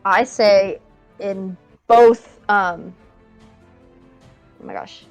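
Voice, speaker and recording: Female player, excitable and chatty, faint music. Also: mid-range voice, extremely slow. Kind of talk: casual tabletop play.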